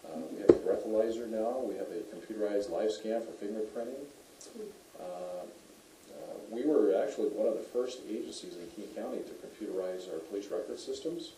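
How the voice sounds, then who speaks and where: A man's voice: lowish voice, fairly quick, mellow, a little hiss or hum. A middle-aged man, a police officer, telling stories to local residents in a chatty way with many fillers and restarts. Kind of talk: anecdotal community talk. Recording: echoey room, voice heard from a distance.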